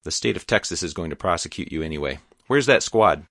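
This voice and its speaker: A man's voice: sits low, expressive, fast talker, creaky, a bit bright, no room sound, studio quality, exaggerated voice. A man voicing a big, stern sheriff who barks orders with authority. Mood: commanding. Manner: commanding, barking orders.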